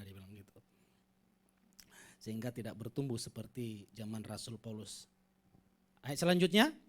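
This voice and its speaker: A man preaching a Sunday sermon as pastor, conversational and emphatic, leading the congregation in reading aloud together. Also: mid-range voice. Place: church service with congregation.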